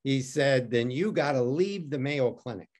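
As an interview guest, a man from Detroit, United States, tells a personal story in a medium-pitched voice at a moderate pace. Animated, wry and self-mocking, he acts out the voices of the other people involved.

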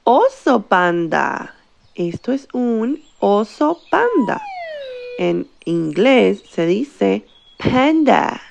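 This woman teacher has a medium-pitched, darkish, creaky voice and is very animated. She leads a bilingual vocabulary lesson for children, stretching each word out slowly so the class can repeat it.

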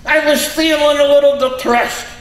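A man doing a ventriloquist's dummy, a squeaky, excitable redneck grumbler with a folksy, exclaiming manner, in a stage comedy act. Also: normal speed. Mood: gleeful, brash. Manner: folksy, exclaiming, comically exasperated. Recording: echoey theater stage, some noise.

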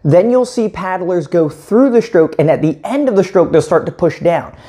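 A man's voice: high-pitched, animated, moderate pace, mellow. A man in his thirties, a paddling coach, explaining stroke technique methodically while he demonstrates in a small indoor room. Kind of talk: instructional demonstration.

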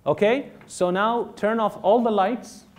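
A man giving a live religious seminar talk to an audience, animated and fond of mimicking doubters in exaggerated tones. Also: sits high, unhurried. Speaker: religious lecturer.

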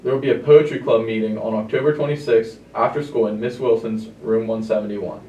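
A man rattles off school announcements at a fast clip in a brisk, matter-of-fact read. His voice comes through a loudspeaker and sounds distant, with plenty of room echo. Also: lowish voice, steady tone, highs cut off, a little hiss or hum. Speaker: student announcer. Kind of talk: reading morning school announcements.

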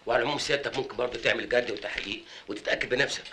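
An actor playing a humble, fawning male factory worker with an Egyptian accent, talking fast and deferentially. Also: medium pitch, a little hiss or hum. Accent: Egyptian Arabic. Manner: rapid, deferential and flattering. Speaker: warehouse worker.

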